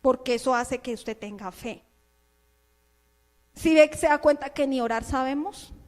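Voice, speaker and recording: A woman pastor preaching a fervent, scolding sermon, firing rhetorical questions at her listeners and swinging from low murmurs to shouts. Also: a little slow. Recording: long hall reverb.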